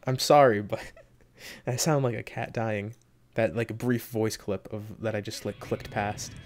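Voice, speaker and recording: A young man hosting a mobile game summoning video, talking casually to viewers and yelping with excitement between low muttered comments. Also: unhurried, slight background noise. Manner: excitable, jumps into high yelps when hyped, muttering between pulls. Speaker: gaming video host. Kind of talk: casual gacha summon reaction.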